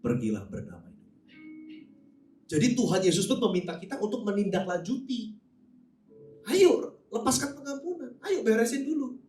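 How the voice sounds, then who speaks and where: Animated preaching man in an echoey hall. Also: high-pitched, normal speed, long pauses, faint music behind. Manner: conversational, animated preaching with asides to the congregation. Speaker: pastor. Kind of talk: sermon. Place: large church hall. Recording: roomy echo, voice from some distance.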